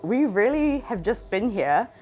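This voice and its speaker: A woman's voice: mid-range voice, big pitch swings, a little slow, darkish tone. A woman in her thirties from South Africa, the founder of an exhibition, speaking eagerly in an interview with many filler words. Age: 30s. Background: music.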